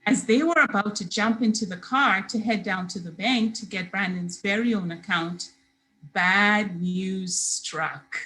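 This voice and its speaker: A woman's voice: medium pitch, moderate pace, hardly any pauses, a bit bright, rough recording. A woman reading her children's book aloud, giving the characters their own voices. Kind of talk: expressive storybook read-aloud.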